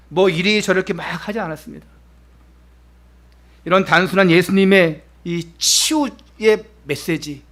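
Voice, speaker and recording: Preaching at a Sunday church service, this male pastor's voice sits high. He addresses direct questions to the congregation while moving from forceful lines to soft, hushed ones.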